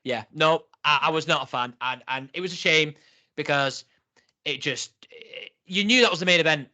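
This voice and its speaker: A man's voice: on the high side, moderate pace, bright, forceful tone. A man co-hosting a casual wrestling review chat, talking in a chatty, laughing way. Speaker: podcast co-host.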